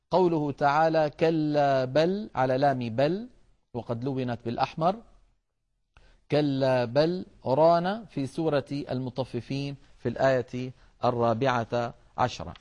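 A man teaching the rules of Quran recitation in a measured, explanatory way, addressing his listeners as brothers. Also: mid-range voice, a little mellow. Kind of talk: tajweed lesson.

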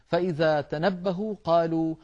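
Male recitation teacher, slightly high voice, measured and explanatory, dull lo-fi recording. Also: fairly even intonation, a little mellow. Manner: measured, explanatory, addresses listeners as brothers. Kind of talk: tajweed lesson.

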